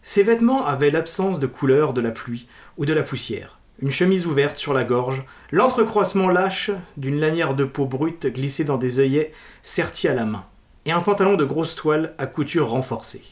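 Man reading a novel, slightly high voice. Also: lively intonation, moderate pace. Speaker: co-host reading a novel excerpt. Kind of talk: literary narration, read aloud.

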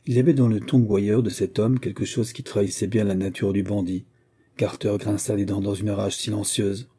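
A man narrating an audiobook in measured, even storytelling. His voice sits low and very dark, with a husky edge. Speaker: audiobook reader. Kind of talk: scripted narration.

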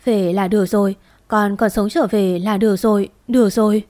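A woman voicing a gentle, choked-up father. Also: medium pitch, lively intonation, a little slow, lightly acted. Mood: tender. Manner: hesitant, choked-up speech.

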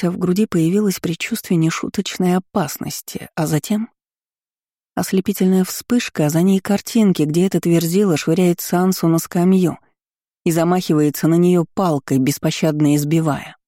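A woman's voice: on the low side, fairly even intonation, normal speed, mellow, dry recording, clean studio sound. A woman narrating a first-person novel as an audiobook, reading steadily and expressively.

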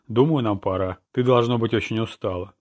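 A man voicing a frail, remorseful old company director in an audiobook, in a calm, everyday tone. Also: lowish voice, a little fast, close to an everyday voice. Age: older.

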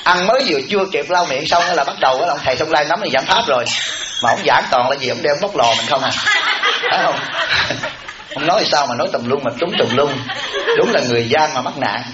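Male monk, higher-pitched, folksy joking dharma talk; echoey, dull live recording, audience laughter behind. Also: animated, quick pace, very noisy. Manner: folksy and teasing, repeats words for comic effect.

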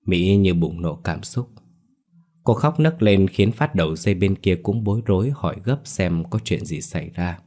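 A man narrating a dramatic audio story in a steady, even storytelling manner. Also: low-pitched. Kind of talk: scripted narration.

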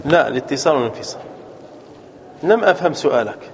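A man's voice: medium pitch, expressive, fast, crowd noise. A man teaching a grammar class, quizzing his students and repeating key terms as he goes. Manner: asks students questions and answers them, repeats key terms. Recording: dull lo-fi class recording with faint room noise.

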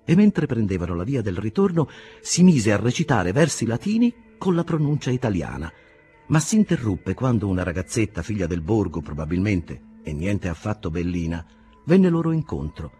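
A man narrating a literary novel as an audiobook, with expressive, lively storytelling. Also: on the low side, normal speed, soft background music.

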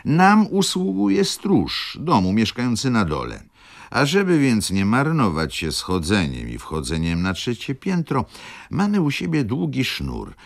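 A man's voice: lowish voice, gravelly, pitched above the performer's own voice, exaggerated voice. A man voicing an insolent young male student who speaks in a sweet, mocking tone, in a radio reading. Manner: sugary, mocking.

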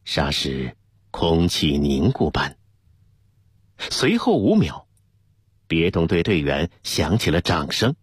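Brief: male narrator of a radio novel, lively and expressive, slightly husky, dry studio sound. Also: low-pitched, slow pace, long pauses, no echo. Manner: expressive storytelling. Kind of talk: serialized novel reading on radio.

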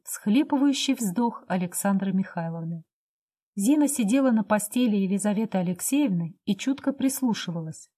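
A woman narrating a classic novel as an audiobook in a measured, expressive reading style. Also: mid-range voice.

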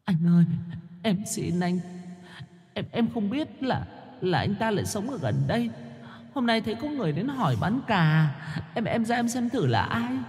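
Tearful young wife, high stammering falsetto, breathy and hushed, long reverb. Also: male voice, very animated, moderate pace. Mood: pleading sobs. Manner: sobbing, stammering falsetto plea. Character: tearful young wife pleading with her husband.

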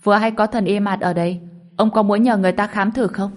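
A woman's voice: mid-range voice, steady tone, quick pace, natural voice. A woman voicing a cold, indifferent young male doctor in a storybook reading.

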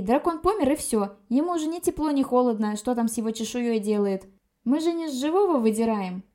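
Lady doing a sassy young witch girl, high chirpy, teasing. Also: mellow, natural voice. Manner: chirpy, bantering, flippant. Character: cheeky young witch girl, potion maker, carefree.

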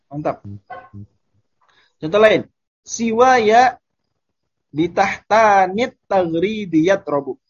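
Husky-voiced man teaching Arabic grammar. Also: high voice, muffled recording. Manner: explains casually, repeats Arabic phrases slowly, laughs at examples. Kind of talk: online Arabic grammar lesson.

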